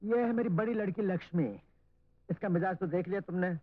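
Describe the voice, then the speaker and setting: An actor playing a kindly, indulgent middle-aged father who talks in a gentle, placating way, on a tinny old film soundtrack. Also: sits high, fairly quick, dry recording. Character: kindly indulgent older father, house master.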